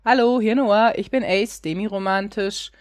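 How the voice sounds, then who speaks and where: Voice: mid-range voice, steady tone, moderate pace, no echo, clean studio sound. A thirty-seven-year-old podcast co-host from Saxony-Anhalt who speaks carefully and reads out definitions. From Saxony-Anhalt, Germany.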